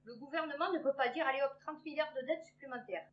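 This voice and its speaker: A woman in her fifties with a high voice talks fast, reading news headlines and commenting on them in a rambling, sarcastic way full of fillers. The recording is dull and lo-fi.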